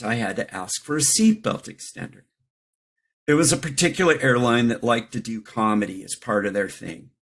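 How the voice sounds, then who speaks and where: Husky middle-aged man sharing his recovery story. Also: medium pitch, fairly bright tone. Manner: candid, reflective, self-deprecating humor. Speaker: recovery meeting speaker. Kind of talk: personal recovery share.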